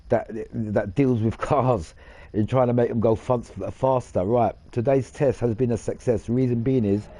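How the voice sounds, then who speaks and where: Dark-voiced man rambling over gameplay. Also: mid-range voice. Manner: rambling, boastful, swears casually. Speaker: gaming channel host. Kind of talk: casual gaming commentary.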